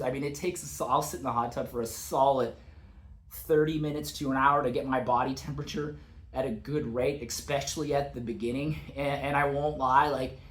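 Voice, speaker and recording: A man's voice: medium pitch, reverberant. A man casually explaining his home cold plunge routine, rambling with lots of "like" and "uh" fillers. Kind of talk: casual how-to talk. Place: outdoors or patio beside a cold plunge tub.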